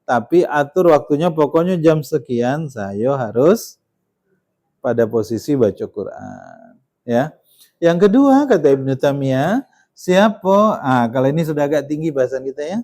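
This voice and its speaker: A man's voice: a little high, big pitch swings, unhurried, darkish tone. A man giving a Quran study sermon in a conversational way, often ending points with tag questions and pressing them with emphasis. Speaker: Islamic preacher.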